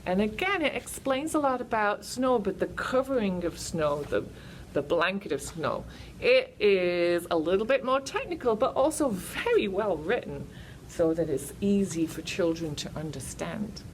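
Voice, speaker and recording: A woman's voice: medium pitch, sing-song, normal speed, slight background noise, rough recording. A woman hosting a children's storytime as a librarian, speaking and singing in a sing-song way to young children. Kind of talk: children's storytime, sing-along and simple explaining.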